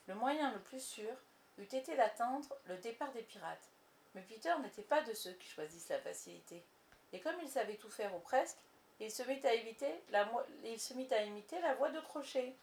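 Sex: woman. Role: narrator. Style: storybook reading, measured. Pitch: mid. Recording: faint background noise. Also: darkish tone.

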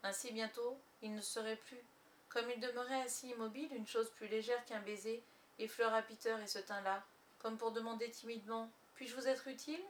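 A woman narrating a storybook in an expressive, measured way. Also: on the high side, echoey room, a little hiss or hum. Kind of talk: storybook reading.

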